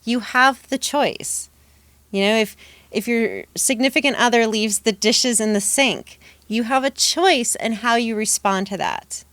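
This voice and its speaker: A woman's voice: fairly high pitch, unhurried, a bit bright, dry recording. A woman who works as a dating coach, giving confident, emphatic advice in a casual podcast conversation.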